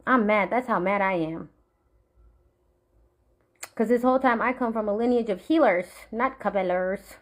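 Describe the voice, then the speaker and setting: A young woman from the Marshall Islands, ranting straight to camera in a profane, threatening way that sometimes sinks to a low, menacing murmur. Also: normal speed, pauses often. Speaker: vlogger. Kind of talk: angry direct-to-camera rant.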